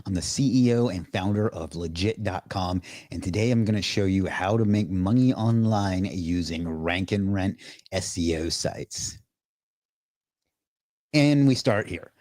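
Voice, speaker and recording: Deep-voiced guy chatting on his livestream, rambly, reads out comments, close dry mic. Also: unhurried, darkish tone, no echo. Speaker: livestream host. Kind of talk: casual live stream chat.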